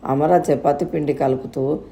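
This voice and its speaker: A woman reads a storybook aloud in a steady, calm manner. Her voice is low and dark, with a gravelly grain. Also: normal speed. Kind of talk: scripted narration.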